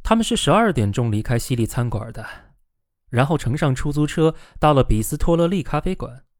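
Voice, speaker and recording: A man narrates a novel in an animated reading, his pitch rising and falling widely. His voice sits at a middle pitch and sounds dry and close, with no room around it. He lifts his voice when he speaks the characters' lines. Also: a little fast, no room sound. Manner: lively, voices the quoted characters with raised pitch.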